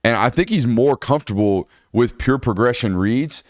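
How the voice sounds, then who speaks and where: A man's voice: mid-range voice, expressive, moderate pace, no room sound, studio quality. A man hosting a casual college football show, talking loosely and correcting himself as he goes. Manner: loose, rambling, self-correcting. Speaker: host. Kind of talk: casual sports podcast chat.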